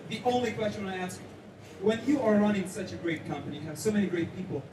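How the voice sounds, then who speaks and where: A man from Ukraine in the audience at an outdoor event, rambling excitedly as he asks a question. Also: high-pitched, fast talker. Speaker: audience member asking a question. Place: outdoor rooftop deck. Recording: echoey and distant with crowd.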